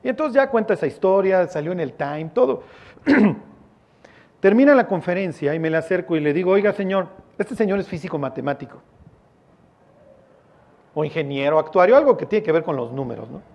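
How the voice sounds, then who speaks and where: A man's voice: sits high, animated, normal speed, pauses often, darkish tone. A man with a Mexican accent preaching a sermon as a pastor, in a casual, joking, storytelling way with slang.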